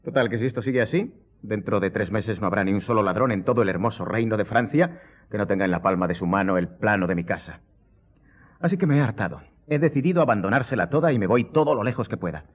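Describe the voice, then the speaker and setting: A worldly, ironic gentleman count in a radio drama. His low voice is theatrical and courtly, and the recording is muffled and thin like a telephone line. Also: fast talker, husky. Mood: wry, animated. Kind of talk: Spanish radio drama acting.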